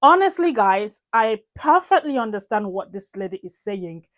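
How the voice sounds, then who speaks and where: A woman's voice: mid-range voice, big pitch swings, moderate pace, soft background music. Chatty woman reacting to a clip. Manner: chatty, addresses viewers directly with fillers. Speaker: reaction video host. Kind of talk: casual reaction commentary.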